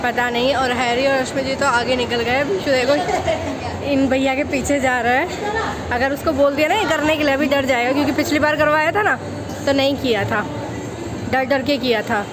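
Her high, steady voice moves at a moderate pace as she chats to the phone camera for her family vlog, teasing and speaking to viewers. She walks through a busy city and a shopping mall, where heavy crowd and traffic noise dominates.

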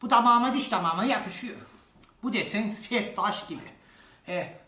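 A performer playing a grumbling old village mother-in-law in a comic sketch, low and drawling. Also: moderate pace, bright, forceful tone, distant mic, lightly acted. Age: older. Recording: roomy echo.

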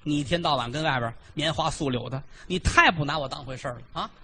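A man's voice: a little high, fast talker, sharp tone, slight background noise. A male storyteller voicing an aggrieved young wife who nags and reproaches her husband. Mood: reproachful. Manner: nagging, reproachful. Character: scolding young wife, aggrieved and sharp-tongued.

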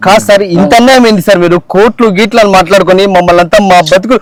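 A man's voice: sits high, racing, over a noisy crowd. A man in a comedy sketch, indignant and then apologetic.

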